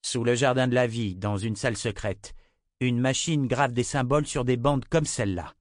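A man voicing a calm young man, a wizard's grandson, explaining things matter-of-factly. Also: medium pitch, moderate pace, no room sound, studio quality, lightly acted.

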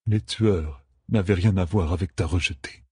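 A man's voice: low voice, quick pace, darkish tone, dry recording, studio quality. A man voicing a badly wounded young prince who speaks weakly and breathily in an audiobook. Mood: faint. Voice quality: weak, breathy, murmured. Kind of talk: audiobook character voice.

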